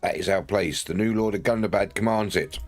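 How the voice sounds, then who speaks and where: A man's voice: fairly low pitch, fairly quick. A man giving casual gameplay commentary, slipping into playful in-character narration. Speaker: game streamer. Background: game music.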